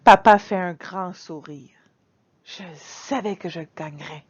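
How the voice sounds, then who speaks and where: A woman reading a children's picture book aloud in an expressive, dramatic storytelling manner. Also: on the low side, a little slow, slightly rough, muffled recording. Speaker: storybook reader.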